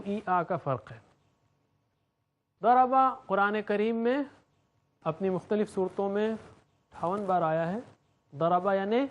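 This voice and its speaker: A man teaching Quranic Arabic grammar, drilling verb forms in a rhythmic chant and explaining in between. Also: high-pitched.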